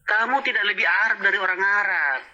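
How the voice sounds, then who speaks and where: A man's voice: high voice, quick pace, bright, forceful tone, muffled recording. A man in a heated religious debate who mocks his opponent and accuses him of lying. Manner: mocking, accusing.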